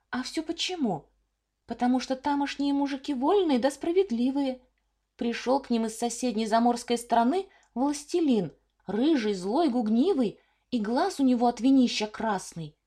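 A woman voicing an earnest village girl in a storybook reading, eager and lively as she tells a tale. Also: high-pitched, moderate pace, pitched above the performer's own voice.

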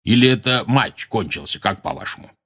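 A man voicing a huge, stubborn gamekeeper in an audiobook, with a gruff, blustering way of talking. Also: lowish voice, lively intonation, a little fast, fairly bright tone.

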